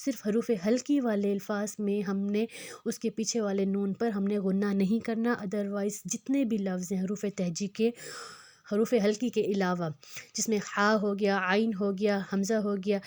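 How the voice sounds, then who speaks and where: A woman teaches Quran recitation, explaining rules quickly and stretching the recited words slowly and louder. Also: medium pitch, steady tone, dry recording.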